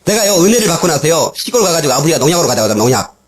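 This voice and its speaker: The man speaks at a racing pace in a fairly high pitch. He's a pastor preaching in a church sanctuary, recorded on old cassette tape, and his sermon is full of personal testimony delivered as lively stories with frequent laughter and acted-out voices.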